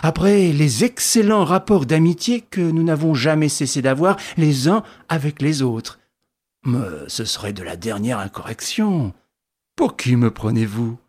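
A man reading an audiobook, voicing a suave gentleman thief who talks in an ironic, mock-polite way. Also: fairly high pitch, sing-song, slow, pauses often, husky, exaggerated voice.

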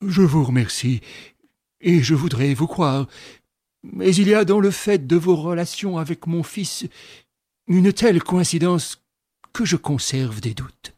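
Proud, insistent old general put on by a male narrator, emphatic and a little high. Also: animated, unhurried, long pauses, a little mellow, dry recording, clean studio sound. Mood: grudging. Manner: emphatic, raised and pressing delivery.

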